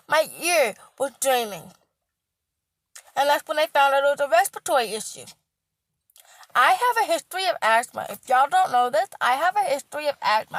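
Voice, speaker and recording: A woman's voice: high-pitched, no echo. A woman healthcare worker, ranting emphatically in a casual vlog and repeating her points. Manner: emphatic, repetitive, stressing words loudly.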